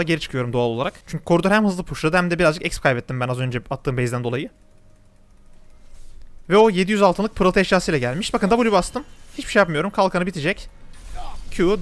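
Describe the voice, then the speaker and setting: Young man, gameplay commentator, very fast talker, talks to viewers directly. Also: fairly high pitch. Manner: rapid, chatty, addresses viewers directly.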